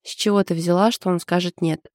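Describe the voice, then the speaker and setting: A woman voicing a stern, practical older sister with a blunt, sharp-tongued manner. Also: lowish voice, fairly even intonation, brisk, no echo, clean studio sound, lightly acted. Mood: gentle.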